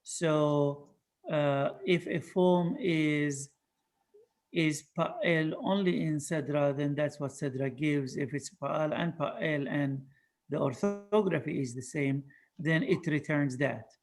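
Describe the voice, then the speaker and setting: A man moderates an online Q&A and walks the group through technical points. His pitch sits a little high, and his delivery is measured and careful. He often restarts a phrase mid-thought. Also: fairly even intonation. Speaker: moderator and project lead.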